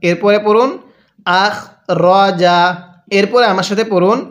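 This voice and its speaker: A man with a Bangladeshi Bengali accent teaching Quran reading. He spells out each syllable slowly and asks the listener to repeat after him. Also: high-pitched. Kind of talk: slow syllable-by-syllable recitation lesson.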